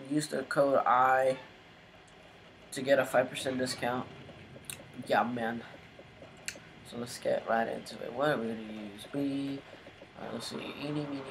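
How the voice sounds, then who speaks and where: A man's voice: medium pitch, gravelly, noisy background. Joking young man muttering over gameplay. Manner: joking, muttering asides to himself. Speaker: gaming channel host. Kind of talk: casual gameplay commentary.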